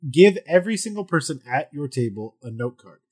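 A man's voice: fairly high pitch, expressive, brisk, a little hiss or hum. A man speaking as a podcast host and game master, explaining casually with restarts and emphatic repetition. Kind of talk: casual explanatory chat about tabletop gaming.

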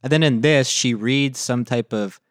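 A man's voice: mid-range voice, normal speed, no echo, studio quality. A male podcast co-host in casual chat, amused, explaining with lots of fillers.

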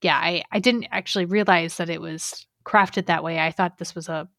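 A woman's voice: lowish voice, steady tone, normal speed, fairly bright tone, no room sound, clean studio sound. A young woman co-hosting a gaming podcast in casual, rambling, enthusiastic chat. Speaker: podcast co-host.

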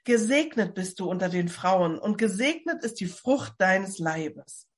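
A woman's voice: mid-range voice, expressive, measured pace, husky. A woman reading as a joyful 65-year-old expectant mother. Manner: exclaiming, warmly blessing. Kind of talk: dramatic Bible novel reading. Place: at home.

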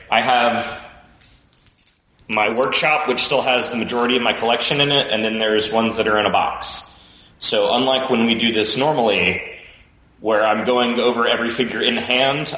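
A man's voice: lowish voice, normal speed. Man with a cave-like echo. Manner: relaxed, chatty and talkative. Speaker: podcast guest. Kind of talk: casual chat. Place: echoey basement room.

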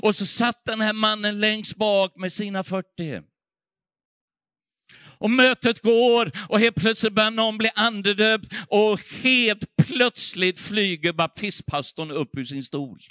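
High, bright fervent male preacher. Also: clean tone, dry recording, studio quality. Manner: fervent, swings from hushed to loud. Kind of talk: sermon storytelling. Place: church.

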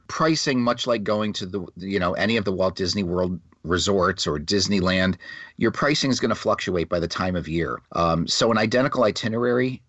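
Male American podcast co-host, deep register, casual wordy explainer, dry dull recording. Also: fairly bright tone, no echo. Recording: dull lo-fi, dry close audio.

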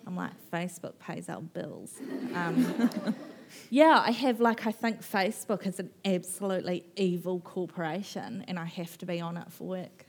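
A woman author in her thirties from New Zealand, appearing as a guest at a live festival conversation, talks animatedly and rambles, laughing and mimicking people. Her voice is fairly low and a little mellow at a normal speed, with slight background noise.

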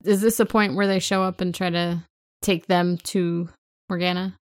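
Brief: woman podcast co-host, lower voice, fills in plot details in easy chat. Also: level tone. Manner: chimes in with plot details and quick asides. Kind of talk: casual book recap chat.

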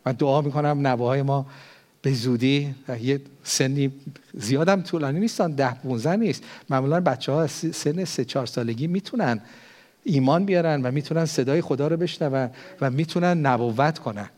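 An older pastor with a mid-range voice preaches a sermon, building forcefully on key phrases and then dropping into hushed prayer.

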